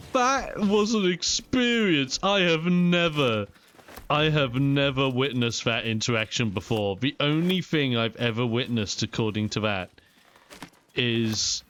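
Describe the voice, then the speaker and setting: A young man giving casual, chatty and expressive let's play commentary on a video game. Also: medium pitch, slight background noise. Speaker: gaming video host.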